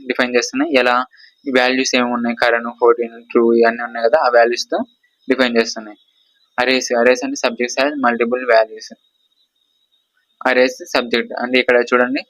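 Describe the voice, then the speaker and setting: A man's voice: mid-range voice, fairly bright tone, no room sound, rough recording. A man with a Telugu accent teaching a screen-share coding lesson. He explains by pointing at parts of the screen, repeats himself and keeps checking that his students follow. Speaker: course instructor.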